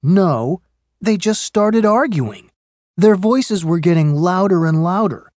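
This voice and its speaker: Woman doing an english lesson dialogue, lowish mellow voice, dry sound. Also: lively intonation, slow pace, no echo. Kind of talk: scripted dialogue for language learners.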